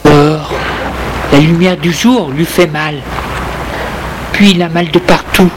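A man narrating a dark story slowly, in short, halting phrases. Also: a little high, heavy background noise. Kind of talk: slow dramatic storytelling. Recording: echoey room with music behind.

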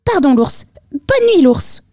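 A woman voicing a tiny, chatty, cheeky female mouse in a storybook, with a high, squeaky, innocent chirp. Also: sing-song, slow pace, dark tone, no echo, clean studio sound, full character voice. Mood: chirpy.

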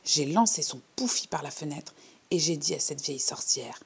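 A woman's voice: low-pitched, expressive, normal speed, vocal fry, slightly rough, voice pushed down, heavily acted. A woman doing a shy little girl. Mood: earnest. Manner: timid, hushed storytelling in first person. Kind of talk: storybook reading.

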